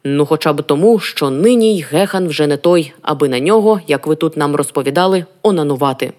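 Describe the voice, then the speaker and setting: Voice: mid-range voice, lively intonation, a little fast, a little mellow, natural voice. A reader voicing a prim, mannered middle-aged radio host in an audiobook. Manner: mannered, lecturing. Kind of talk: audiobook reading.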